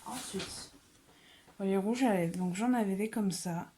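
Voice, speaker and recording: A woman vlogger chatting casually through a beauty haul, soft-spoken and often slipping into a whisper. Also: medium pitch, a little slow, noisy background. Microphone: phone.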